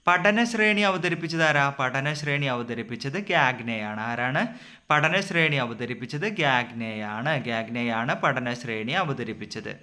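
A man's voice: medium pitch, moderate pace, sharp tone. Man drilling exam answers. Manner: asks a question, then repeats the answer several times. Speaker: exam coaching tutor. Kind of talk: rapid-fire exam revision drill.

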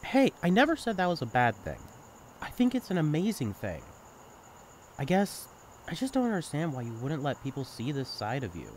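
Outdoors at night, with crickets and insects chirping and a little hiss or hum, a young adult man in an intimate audio roleplay acts as a sibling's best friend. His slightly high voice swoops wildly in pitch at a moderate pace. He talks candidly and casually, caring and teasing, in a sincere, thoughtful way.

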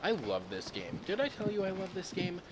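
A man giving casual, jokey gameplay commentary on his own microphone, swearing freely and talking in animated bursts. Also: high voice, a little fast, very noisy. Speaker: gaming commentator. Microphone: own desk microphone.

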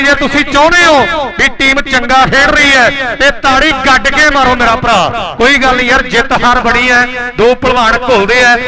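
Male Punjabi kabaddi commentator, extremely high pitch, exclamatory, verse-dropping address to spectators over a roaring crowd. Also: poor audio. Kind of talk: live sports commentary with rhymed verses. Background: crowd at a live match.

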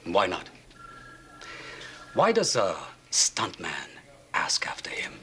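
An actor playing a menacing Brazilian police inspector, formal, deliberate and deadpan. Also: male voice, low-pitched, in a whisper, heavily acted. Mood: dry menace. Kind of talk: 1980s TV action drama dialogue. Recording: TV soundtrack with music.

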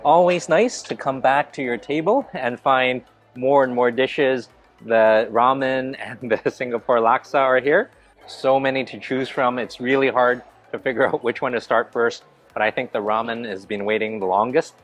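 A man's voice: medium pitch, fairly even intonation, moderate pace, soft background music. Enthusiastic man vlogging at a buffet. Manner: enthusiastic, narrates each dish as he eats. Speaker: food vlogger. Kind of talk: casual food vlog narration. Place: large indoor hotel buffet restaurant. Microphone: handheld camera at arm's length.

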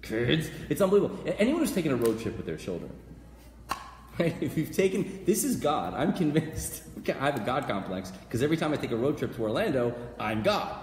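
Animated man in an echoey room. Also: medium pitch, a little fast, slight background noise. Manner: animated, gesturing, jumps into loud acted voices. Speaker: rabbi teaching a weekly class. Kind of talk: animated Torah class. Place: small room before a banner backdrop, live class. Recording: echoey room with long reverb.

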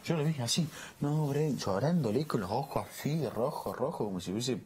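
A man's voice: medium pitch, animated, fairly quick, a little mellow, breathy edge. A young man with an Argentine accent, gossiping insistently and repeating words as he stammers. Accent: Argentine Spanish. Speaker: reality show housemate. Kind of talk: heated gossip chat.

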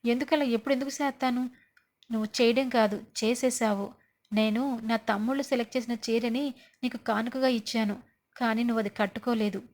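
A woman's voice: a little high, fairly quick. A woman casually recapping a TV serial episode, acting out the characters' lines as she goes. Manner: lively, acts out characters' lines.

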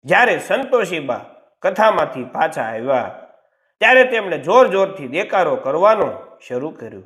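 A man narrating a scripted moral story with expressive, dramatic storytelling. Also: a little high, normal speed.

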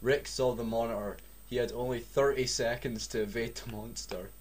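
With crowd noise around him, a young Scottish reader in a mid-range voice moves at a moderate pace with fairly even intonation. He ridicules the badly written story he's reading through sarcasm, frequent swearing, and joking asides.

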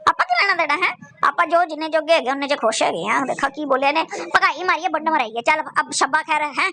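A woman's voice: high voice, animated, quick pace, bright, forceful tone. A woman roasting someone in crude, mocking, scolding commentary full of profanity.

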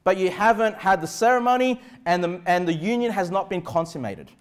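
Speaking smoothly and a little fast, this middle-aged Australian pastor is animated as he preaches in a high-pitched voice. He's emphatic and conversational, regularly tagging points to confirm listeners follow. A clip-on lapel mic captures him at a small room's indoor church pulpit.

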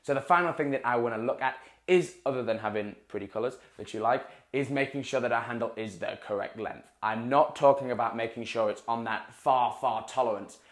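A man's voice: medium pitch, fairly quick, hardly any pauses. Young male coach, casual to-camera tutorial, repeats for emphasis; lapel mic, small room. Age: young adult. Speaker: water-ski coach. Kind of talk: instructional talk to camera. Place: small indoor room in front of a dark wall. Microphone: clip-on lapel mic.

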